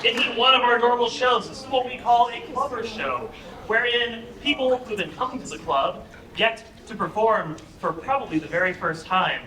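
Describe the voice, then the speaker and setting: A man's voice: very high-pitched, normal speed. A young man hosting an improv comedy show, energetically joking with and hyping the live audience. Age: young adult. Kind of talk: live stage emcee warm-up. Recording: echoey room, far mic, loud crowd noise.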